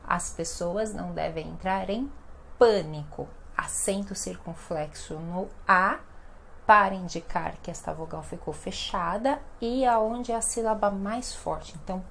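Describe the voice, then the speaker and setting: A Brazilian woman teaching pronunciation at a very unhurried pace, holding each word out and saying it again. Her pitch sits in a middling range, and she keeps checking in with the listener with little tag questions. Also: gravelly, a little hiss or hum. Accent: Brazilian Portuguese. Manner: repeats words slowly and tags phrases with "né?" and "tá?". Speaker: Portuguese teacher. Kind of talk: slow, deliberate pronunciation lesson.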